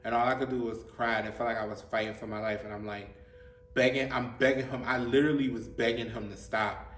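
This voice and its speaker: A man hosting his own show and telling a personal story in a halting way, repeating himself and often saying "like.". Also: medium pitch, fairly even intonation, a bit bright. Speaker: host. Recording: roomy, distant mic, faint music.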